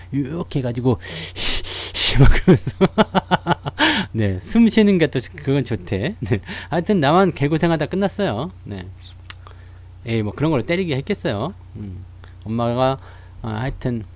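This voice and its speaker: Male stock commentator, animated and chatty, higher voice, dry close sound. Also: no echo. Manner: chatty storyteller who laughs often. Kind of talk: casual talk to viewers.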